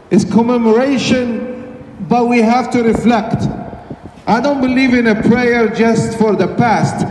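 At a vigil in a crowded outdoor city square, a middle-aged imam with an extremely high-pitched voice delivers an urgent, preacherly speech that rises to shouts. He speaks into a handheld mic through a PA, captured from a distance on a phone in the crowd, so the sound is echoey, with crowd murmur and a little hiss or hum.

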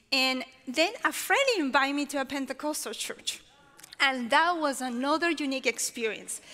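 Woman, Peruvian Spanish accent, 40s, chapel testimony, high voice, long hall reverb. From Peru. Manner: expressive, gestures while speaking. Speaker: chapel speaker. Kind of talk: personal testimony talk. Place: large auditorium stage.

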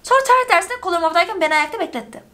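A woman's voice: very high-pitched, expressive, racing, bright, forceful tone, pitched above the performer's own voice, full character voice. A woman voicing a sad, bullied young schoolgirl in a video game, speaking in a hurt, complaining way.

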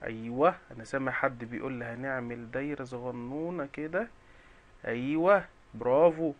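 A man's voice: mid-range voice, moderate pace, highs cut off. A man with an Egyptian Arabic accent teaching young children the alphabet, sounding out syllables one by one in a cheerful, coaxing way.

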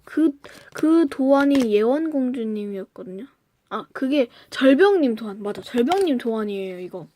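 Young woman gushing over an unboxing, highish mellow voice, little hiss behind. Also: normal speed. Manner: excitable, gushing, often gasps and drops to a whisper. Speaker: fan vlogger reviewing merchandise. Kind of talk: casual unboxing chat.

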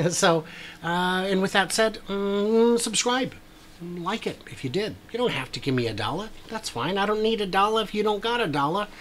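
This high-pitched, expressive, slightly bright voice belongs to a man in his forties who hosts YouTube, wryly and casually narrating drone footage with lots of "uh"s at a moderate pace. A little hiss or hum colors the recording, made in a small brick-walled room.

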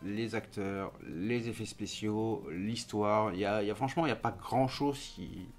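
A man's voice: lowish voice, normal speed, faint music behind. A man giving a casual, hesitant film review, full of fillers and restarts.

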